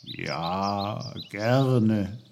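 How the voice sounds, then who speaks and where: A man voicing old, wise talking trees that speak slowly and calmly. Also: fairly low pitch, creaky, noisy background, exaggerated voice. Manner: slow, calm, murmuring.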